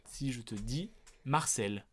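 A man's voice: medium pitch, slow pace, breathy edge. A man hosting a casual movie quiz podcast, teasing and joking with his co-host. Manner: teasing, jokey, lively swings in tone. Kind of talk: playful casual chat.

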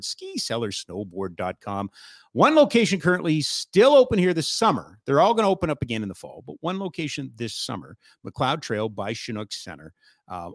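A man's voice: medium pitch, no echo, studio quality. A man hosting a radio talk show, chatting casually with a guest and reading sponsor spots. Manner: joking, chatty, loose with fillers.

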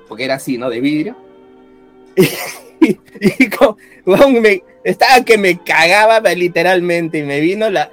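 A man telling an animated, swear-filled story in casual chat and acting out the voices as he goes. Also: a little high. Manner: animated, profane anecdote-telling, acts out voices.

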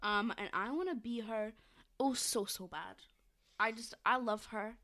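Woman podcast cohost rambling fast, lots of ums, bright slightly high voice. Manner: quick, rambling, many fillers. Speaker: podcast co-host. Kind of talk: casual chat.

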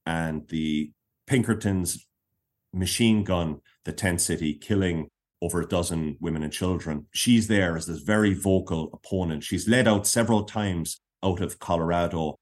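A man speaking as a guest historian in an interview, telling a story in measured, short phrases. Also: deep voice, darkish tone. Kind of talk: explanatory interview talk.

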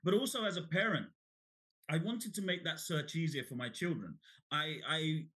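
In an interview, a middle-aged Bangladeshi guest author shares his story with lively energy, often backtracking and repeating himself. His pitch runs on the high side, and his pace is normal.

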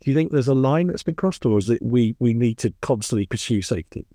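A man's voice: medium pitch, lively intonation, fast, mellow, dry recording, clean studio sound. A man co-hosting a podcast, asking a long question with some hesitant restarts. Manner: hesitant, stumbling over his words while asking. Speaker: podcast co-host. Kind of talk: casual interview chat.

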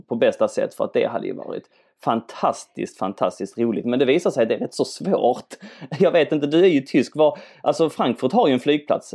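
A man's voice: medium pitch, vocal fry, mellow. A man from southern Sweden, chatting casually as host of a football podcast, rambling with many fillers.

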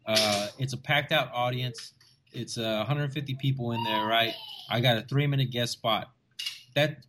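A man from the Rio Grande Valley of Texas talks as a stand-up comedian guest in a relaxed interview. He tells stories in an animated way and slips into the voices of the people he quotes. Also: medium pitch, background noise. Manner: animated storyteller who acts out quoted voices. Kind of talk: casual storytelling interview.

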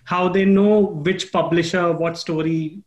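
A man's voice: high-pitched, steady tone, a little slow. A man with an Indian accent asking questions in a conversational interviewing style.

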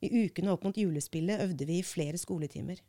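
A woman reading a book passage aloud and talking it through in a measured, thoughtful way as a podcast host. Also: fairly low pitch, warm tone.

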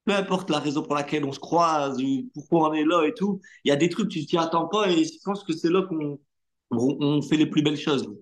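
A man's voice: fairly high pitch, fairly quick. A young man, an actor, chatting informally in an interview with loose fillers and restarts. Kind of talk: casual interview chat.

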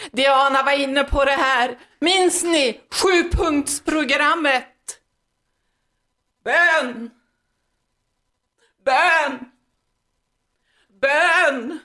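A woman's voice: high-pitched, fairly bright tone. A woman giving a fervent, sermon-like testimony at a church meeting, emphatic and breaking into laughter between phrases.

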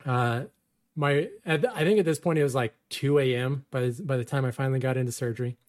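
A man's voice: mid-range voice, quick pace, a little mellow. A man in his thirties casually telling a personal story, wry and self-deprecating, laughing often. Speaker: storyteller guest.

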